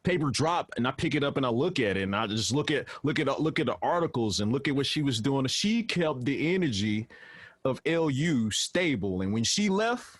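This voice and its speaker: Loud man, dry sound. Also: medium pitch, sing-song, normal speed, no echo. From Memphis, Tennessee. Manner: loud, stretched-out on-air delivery. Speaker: interview guest, recording artist. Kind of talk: radio interview.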